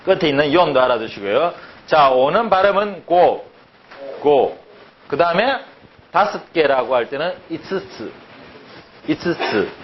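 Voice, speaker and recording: A man teaching a language class, lively and drilling words by repeating them with rhetorical questions. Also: on the high side, unhurried. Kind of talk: classroom lecture. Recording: dull lo-fi sound, faint background noise.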